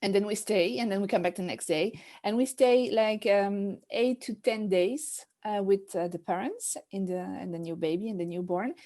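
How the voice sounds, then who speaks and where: A mellow, medium-pitched woman speaks at a moderate pace with few pauses. She is a middle-aged French maternity nurse with a French accent, giving a casual interview in a hesitant way, full of fillers and restarts.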